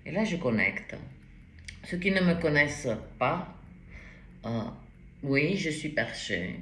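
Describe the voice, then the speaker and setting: A woman's voice: deep voice, big pitch swings, slow, fairly bright tone, roomy sound, slight background noise. A woman giving a spoken tarot reading, hesitant and rambling, with frequent restarts and interjections. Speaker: tarot reader.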